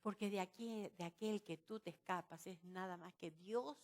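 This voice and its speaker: A woman preaches at a women's retreat in a voice of middling pitch. She is lively and keeps drawing her listeners in with rhetorical questions. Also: moderate pace. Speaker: retreat speaker.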